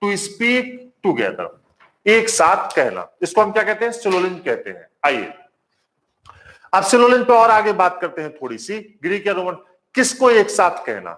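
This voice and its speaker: A man's voice: sits high, sing-song, normal speed. A man teaching a live online reasoning class, repeating each point and quizzing his viewers. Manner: warm greetings to viewers. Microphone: marker on whiteboard.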